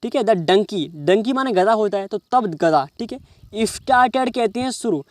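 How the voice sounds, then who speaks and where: An expressive, high-pitched man teaches English reading, saying each word slowly and then explaining it in Hindi. He often asks "समझ रहे हो" to check understanding, and there is no echo.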